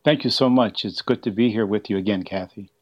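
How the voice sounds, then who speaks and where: An older man, a museum exhibit curator appearing as an interview guest, explains history in a lowish, brisk voice. The audio comes through a dull, band-limited line.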